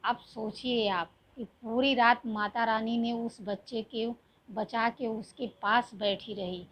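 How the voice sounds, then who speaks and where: A woman's voice: fairly high pitch, fairly even intonation, takes it slowly, fairly bright tone, low-quality recording. Middle-aged woman, channel host, devotional storytelling, plain and conversational with fillers. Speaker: YouTube astrologer and storyteller.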